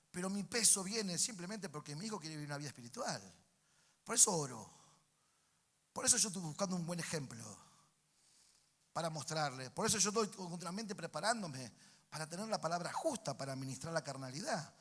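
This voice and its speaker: A pastor with a Rioplatense Spanish accent delivers a sermon in a somewhat high, bright, forceful voice. He calls out to the congregation for responses and swings between emphatic peaks and hushed passages. The sound carries the long reverb of a church sanctuary. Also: expressive, fairly quick. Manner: preaching with call-and-response to the congregation.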